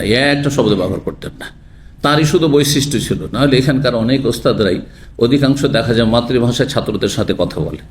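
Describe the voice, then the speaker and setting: Middle-aged guy teaching a religious class, asks the room questions, bit of faint noise behind. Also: medium pitch. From Bangladesh or West Bengal border region. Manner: questions the audience, lively teaching tone. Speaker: Islamic scholar teaching hadith.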